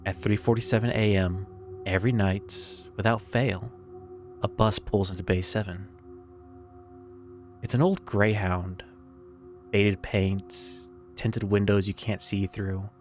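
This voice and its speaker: A man narrating a scripted first-person horror story in a measured, creeping, suspenseful way with pauses. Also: fairly low pitch, steady tone, a little hiss or hum. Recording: background music under the voice.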